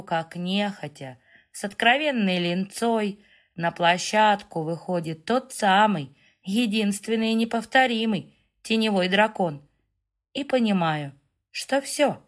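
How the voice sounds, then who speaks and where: Brief: female audiobook narrator, first-person fantasy, expressive mid-pitched voice.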